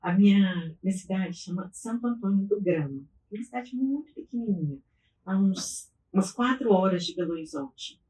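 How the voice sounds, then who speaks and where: A woman's voice: mid-range voice, moderate pace, warm tone, reverberant, far from the mic, low-quality recording. A middle-aged woman from Minas Gerais, Brazil, chatting as a podcast guest about her life and often restarting her sentences. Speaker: guest, business owner. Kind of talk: interview storytelling.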